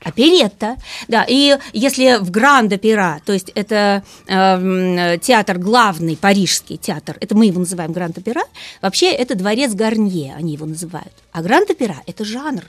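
A woman guest speaking as a music expert, explaining things lively and asking rhetorical questions. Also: medium pitch, moderate pace, no room sound. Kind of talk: radio talk about opera.

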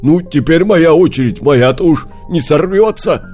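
A man voicing a greedy male wolf in a storybook reading, with a hoarse, growling, bossy manner. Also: fairly high pitch, animated, a little slow, dark tone, soft background music, pitched above the performer's own voice. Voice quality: hoarse, rasping.

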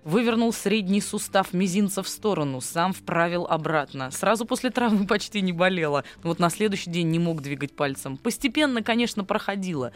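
A man's voice: sits high, lively intonation, a little fast, few pauses. A man hosting a radio talk show, reading listener questions aloud with a joking manner. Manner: reads listener letters, joking. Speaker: radio host.

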